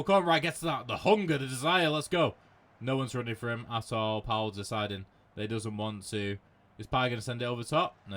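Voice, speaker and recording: Young man, low and bright, cursing game commentary that swings from muttering to yelling. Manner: swears freely, shouts at big moments, mutters over choices. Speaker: gaming commentator. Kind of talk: casual live commentary of a football management game.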